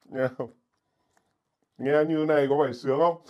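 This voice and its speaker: A man putting on a deep, boomy robot voice through a voice-changing effect in a joking vlog. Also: steady tone, normal speed, dull audio. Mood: deadpan. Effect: deep robot voice filter.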